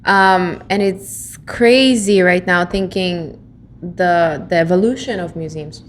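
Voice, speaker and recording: A woman co-hosting a podcast, chatting casually and telling stories in an animated way with many fillers. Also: on the low side, takes it slowly, slight background noise. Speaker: podcast co-host. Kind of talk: casual chat.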